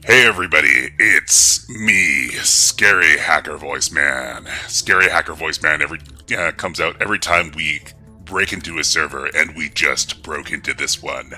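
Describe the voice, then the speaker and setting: A man using a deep metallic voice changer, playing a gloating male hacker villain in a livestream hacking session. He speaks in a theatrical, taunting way. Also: moderate pace, hardly any pauses, pushed and bright, faint music behind, exaggerated voice.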